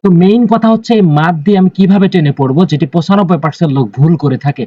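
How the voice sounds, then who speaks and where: A man teaching Quran recitation, slowly spelling out letters and drawing out the vowels, often repeating his instructions. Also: high voice, expressive, dry recording, muffled recording. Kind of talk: Quran reading lesson.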